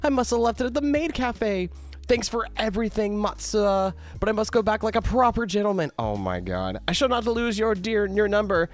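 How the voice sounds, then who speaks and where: A man's voice: high voice, sing-song, fairly quick, pitched above the performer's own voice. A man voicing an overexcited young male tourist who is obsessed with anime and peppers his speech with Japanese words. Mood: flustered. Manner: gushing, sprinkled with Japanese words.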